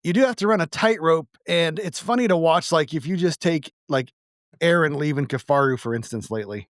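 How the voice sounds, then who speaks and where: Loose-talking podcast host, dry sound. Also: male voice, a little high, animated, a little fast, no room sound. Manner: loose, profane, rambling with restarts. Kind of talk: casual podcast chat.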